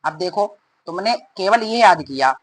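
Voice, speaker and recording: A male math teacher explaining formulas in a rapid, repetitive way and calling his students "beta". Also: high-pitched, expressive, low-quality recording. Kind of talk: fast classroom explanation.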